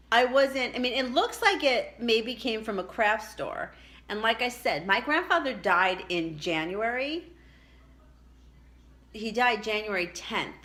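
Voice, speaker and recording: A middle-aged woman chatting casually and reflectively as she tells a personal story, with halting asides. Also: medium pitch, fairly bright tone. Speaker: vlogger telling a personal story.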